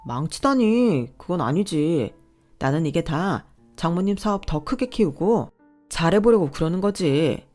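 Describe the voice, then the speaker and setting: A woman's voice: on the low side, lively intonation, unhurried, a little mellow, soft background music. Woman voicing a whiny, entitled young husband. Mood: wheedling. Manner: whiny, demanding, indignant.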